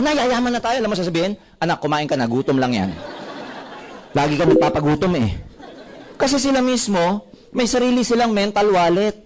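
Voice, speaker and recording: A man with a Filipino accent giving a motivational seminar talk, animated and full of stories told with quoted dialogue. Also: high-pitched, slight background noise. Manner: animated, storytelling with quoted dialogue, mixing Tagalog and English. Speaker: network marketing speaker.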